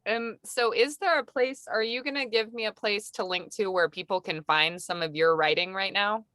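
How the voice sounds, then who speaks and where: A woman hosting a casual podcast conversation, telling a lively story and acting out her own reactions. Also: mid-range voice, moderate pace, no room sound, clean studio sound. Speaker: podcast host. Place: camper van.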